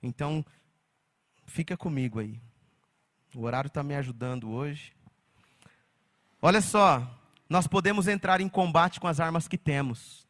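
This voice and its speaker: A man preaching a sermon as pastor, animated, slipping into mocking quoted voices. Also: fairly high pitch, measured pace, pauses often.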